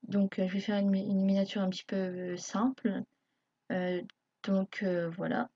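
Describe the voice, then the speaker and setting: A woman's voice: mid-range voice, little pitch movement, unhurried, mellow, no room sound. A woman walking viewers through a screen tutorial, talking hesitantly with many fillers like a self-conscious beginner. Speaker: YouTube tutorial maker. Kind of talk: live screen tutorial narration. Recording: dull lo-fi home recording.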